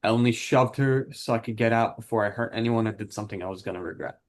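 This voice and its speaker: A man's voice: lowish voice, fast, lightly acted. A man playing a defensive husband in a counselling role-play, talking in a plain, matter-of-fact way. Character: frustrated, defensive husband who drinks, admits anger issues.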